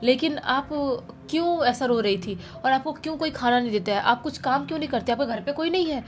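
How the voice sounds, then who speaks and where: A friendly, reassuring young village biryani seller, as a woman storyteller voices him, full of eager questions. The voice sits a touch high and is told over faint background music in a storybook manner. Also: fairly quick, lightly acted. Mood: kind, eager.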